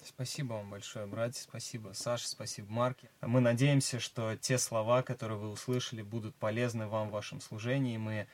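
A man's voice: lowish voice, fairly even intonation, a little fast, hardly any pauses. A man hosting a religious interview, asking polite, formal questions. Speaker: host.

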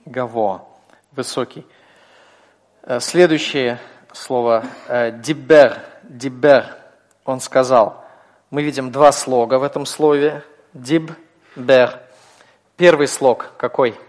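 A man's voice: mid-range voice, fairly even intonation, unhurried, long pauses, big-room sound. A man teaching a class, explaining step by step in a patient manner with frequent hesitations. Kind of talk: classroom lecture.

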